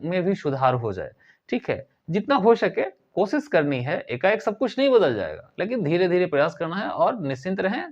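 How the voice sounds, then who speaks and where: A man teaches an English grammar lesson, his voice sitting high for a man. He explains patiently, repeats his points and spells words out slowly. The recording is dull and lo-fi.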